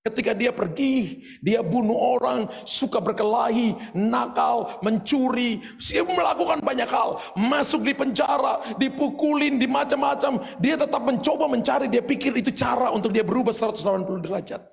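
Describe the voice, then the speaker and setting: A man preaching a sermon with an Indonesian accent, his voice pitched high and edged with a gravelly fry. He tells his story animatedly, rising into shouts, and his words ring out with a long reverb through a large church hall. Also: normal speed, hardly any pauses. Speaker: pastor.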